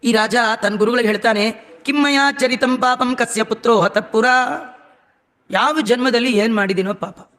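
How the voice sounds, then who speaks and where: In an echoey hall, a man with a fairly high, slightly bright voice delivers a sermon built around storytelling. He chants verses and tosses humorous, scolding asides at his listeners.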